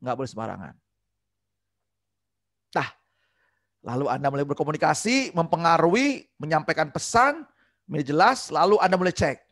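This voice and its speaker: Man with a fairly high voice, lecturing. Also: normal speed, long pauses, no room sound, studio quality. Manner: energetic, acts out customer replies. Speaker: business communication trainer. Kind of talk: online training lecture.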